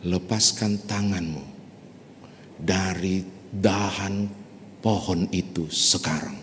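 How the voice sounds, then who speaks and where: A man voicing God, speaking low, calm and gentle to a frightened man, in an echoey hall. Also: normal speed, a little hiss or hum, close to an everyday voice. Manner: calm, soft and reassuring.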